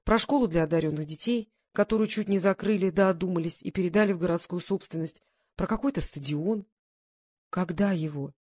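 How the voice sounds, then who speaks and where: A woman reading an audiobook in an even, measured narration. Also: fairly low pitch, no echo. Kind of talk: scripted narration.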